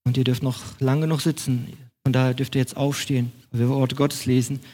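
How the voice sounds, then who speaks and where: A man's voice: medium pitch, level tone, fairly quick, warm tone. A man preaching a sermon in German as pastor of his congregation, with an emphatic, repetitive cadence.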